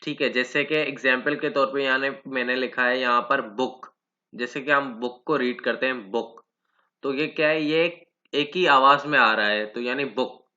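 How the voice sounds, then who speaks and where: A man gives a grammar lesson in a very bright, forceful tone. He spells out each definition slowly and then talks it through with rhetorical questions. The recording is muffled and lo-fi. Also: medium pitch. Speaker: teacher.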